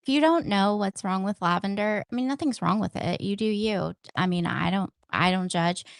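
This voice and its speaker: A woman's voice: medium pitch, gravelly, no echo. Chatty female co-host, dry sound. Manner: chatty, quick asides. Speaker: podcast co-host. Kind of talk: casual political podcast chat.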